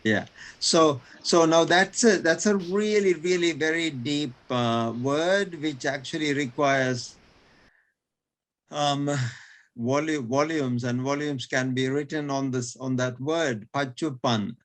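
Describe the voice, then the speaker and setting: A man's voice: fairly high pitch, slow pace. A male teacher explaining in an online lesson, hesitant, repeating words with many fillers and chuckling between points.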